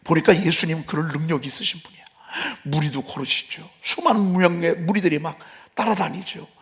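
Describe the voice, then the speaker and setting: A man preaching an early-morning sermon in a church, impassioned, moving between loud cries and hushed whispers. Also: fairly high pitch, fairly quick. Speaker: pastor. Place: church sanctuary.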